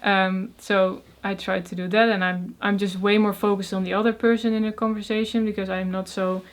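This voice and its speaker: A mid-range, level voice, a little fast, belongs to a young Dutch woman from the Netherlands appearing as a casual interview guest. She stutters on opening sounds, speaks softly with lots of fillers and breaks into frequent laughs.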